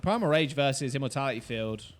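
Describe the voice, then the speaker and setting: A man casually breaking down a game replay, reacting loudly and swearing often as the plays unfold. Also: medium pitch, expressive, fast talker. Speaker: esports streamer and analyst.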